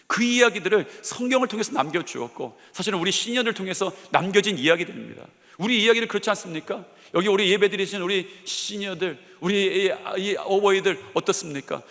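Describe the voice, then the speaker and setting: Middle-aged male pastor, fairly high gravelly voice, emphatic sermon delivery, church hall reverb. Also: sharp tone. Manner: emphatic preaching, rhetorical questions. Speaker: senior pastor. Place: large church sanctuary.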